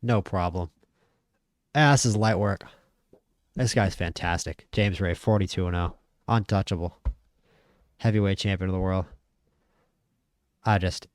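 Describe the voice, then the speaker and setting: A man casually commentating a boxing management game, chatty and opinionated, stammering when he gets excited. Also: lowish voice, no room sound, studio quality. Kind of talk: casual play-by-play commentary over a boxing sim.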